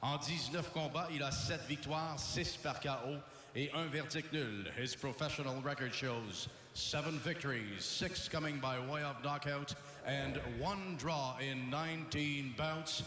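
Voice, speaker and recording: Slow, booming-echo male boxing ring announcer. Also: sharp tone. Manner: measured, declamatory. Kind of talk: formal bilingual boxing ring announcing, drawn-out names. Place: boxing arena. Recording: echoey arena PA with long reverb.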